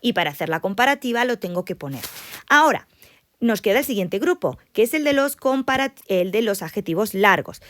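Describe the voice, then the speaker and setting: A woman English teacher explaining grammar to her students, lively and emphatic, repeating the key points. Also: medium pitch, a little fast, no echo, studio quality.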